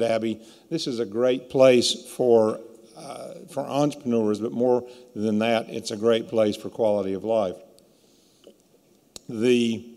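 Hoarse man speaking in an echoey hall. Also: mid-range voice, a little mellow. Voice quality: hoarse, rough voice. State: hoarse from yelling all day. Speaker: keynote speaker, entrepreneur. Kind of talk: motivational keynote speech. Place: indoor brick-walled event venue, on stage. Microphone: stand microphone at lectern. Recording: echoey hall with long reverb.

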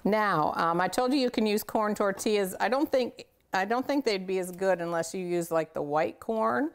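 With a medium-pitched, clear and resonant voice at normal speed, a middle-aged woman leads an informal cooking demonstration indoors in a home kitchen. As the show's host, she chats with viewers directly, folksy and enthusiastic.

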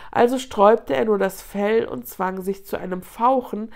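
A woman reading a children's storybook aloud in an expressive, dramatic way. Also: medium pitch, moderate pace. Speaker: children's book reader.

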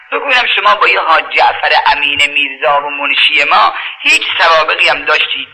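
A man's voice: bright, forceful tone, slight background noise, poor audio. A man from Iran preaching a sermon, telling a story with passion and acting out its voices. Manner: impassioned, swings pitch to act out story voices.

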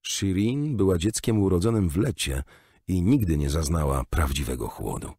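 A male audiobook narrator tells the story in an expressive way, his deep voice rising and falling a lot. There is a husky grain to it. The recording is close and dry, with no room sound. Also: normal speed, no room sound. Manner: expressive storytelling with wide pitch. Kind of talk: scripted narration.

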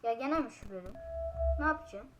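Gaming YouTuber, female, high voice, short-tempered play-by-play, yells at the game, loud music under it. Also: lively intonation, brisk. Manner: frustrated, swears and yells at the game. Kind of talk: casual gameplay commentary.

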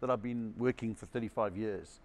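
A middle-aged South African comedian, appearing as a guest, tells anecdotes in a casual chat and animatedly acts out the voices of the people he quotes. His voice is lowish and his pace normal.

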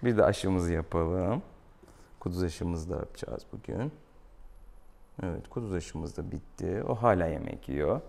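Speaking low and unhurried with vocal fry and a slightly mellow quality, a young vet talks casually as he works on an animal. He playfully coaxes the pet in a small tiled exam room, recorded by a distant camera mic amid room noise.

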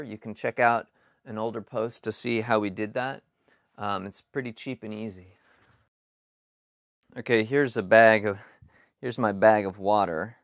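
A man in his forties explains a basement project in a relaxed vlog, thinking aloud with frequent ums and restarts, recorded in a cluttered basement. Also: medium pitch, dry recording, studio quality. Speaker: home improvement vlogger. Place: cluttered basement storage area.

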